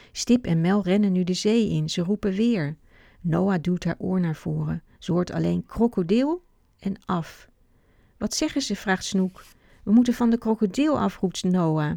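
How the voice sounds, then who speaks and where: Woman narrator, mellow and gravelly, calm storybook reading, dry close sound. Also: lowish voice, dry recording. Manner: calm, steady read-aloud.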